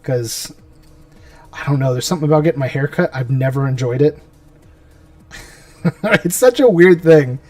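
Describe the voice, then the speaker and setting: A man's voice: medium pitch, animated, moderate pace, long pauses, darkish tone, dry recording. A man streaming himself painting miniatures, chatting casually and muttering to himself as he works. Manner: rambling, talks to himself as he works. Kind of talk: casual live-stream chat while painting. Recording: mic a bit far off, music behind.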